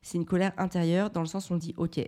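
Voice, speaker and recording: Hosting a parenting podcast, a thirtysomething woman tells a personal story quickly in a low, mellow, level-toned voice. Her manner is candid and reflective, and she often starts sentences over.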